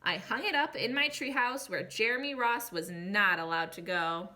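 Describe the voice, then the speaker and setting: A woman's voice: mid-range voice, normal speed, bright, forceful tone. A woman teacher reading a children's picture book aloud expressively, speaking directly to young listeners and posing questions to them.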